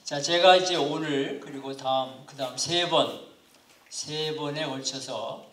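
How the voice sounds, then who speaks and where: A man in his seventies, a pastor teaching a missions class to lay ministry students, speaking in an unhurried, halting, politely formal way. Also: on the high side, a bit bright. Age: 70s. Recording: echoey room, far from mic.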